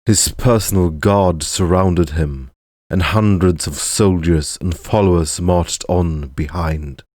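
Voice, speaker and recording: A man narrating a fantasy story in a measured, even storytelling way. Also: low voice, no echo, clean studio sound. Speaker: narrator and voice actor.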